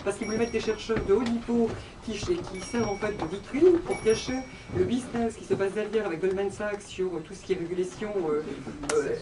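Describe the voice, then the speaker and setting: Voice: mid-range voice, a little fast. An audience member at a conference speaking without a microphone, rambling with many fillers. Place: conference room. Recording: distant voice with background noise.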